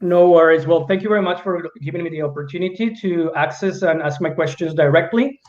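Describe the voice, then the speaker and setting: A man's voice: on the high side, fairly quick, lo-fi sound. Polite man on an echoey video call. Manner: polite, formal, searching for words. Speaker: education agent. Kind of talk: asking questions on a video call.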